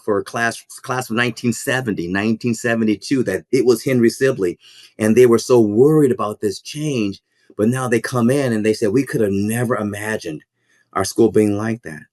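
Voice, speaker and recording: A man's voice: mid-range voice, darkish tone, no room sound, clean studio sound. A man who is a school principal and minister, speaking in a podcast interview in an earnest, reflective way that halts and repeats words. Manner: halting, repeats words while thinking.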